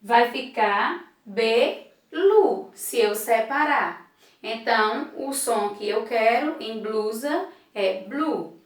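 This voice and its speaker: A woman from Brazil teaching a recorded school lesson, speaking slowly and patiently, spelling out sounds and syllables one by one. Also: fairly high pitch. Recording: echoey room, voice far from the mic.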